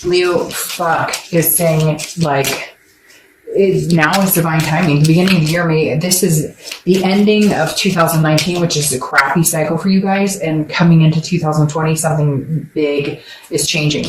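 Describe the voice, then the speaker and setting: A woman's voice: low-pitched, steady tone, moderate pace, reverberant, background noise. A woman giving a casual, rambling tarot reading to her viewers, blunt and joking, swearing now and then. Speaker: tarot reader.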